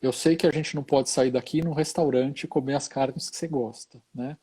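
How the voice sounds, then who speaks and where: A man's voice: medium pitch, steady tone, a little fast, dark tone, husky. A middle-aged Brazilian man, a hospital chaplain, telling a story in an easygoing, casual conversation and tagging many phrases with short questions.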